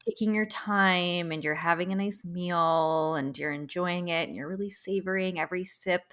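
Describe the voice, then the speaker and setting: A woman's voice: lowish voice, steady tone, moderate pace, a bit bright. A woman co-hosting a podcast in casual chat, playful and laughing often as she talks things through. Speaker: podcast co-host.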